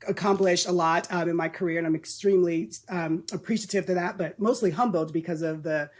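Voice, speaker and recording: A middle-aged nonprofit executive from Southern California is a podcast guest, talking casually with many ums and restarts and laughing easily. Her voice is fairly low in pitch with fairly even intonation, and she speaks briskly.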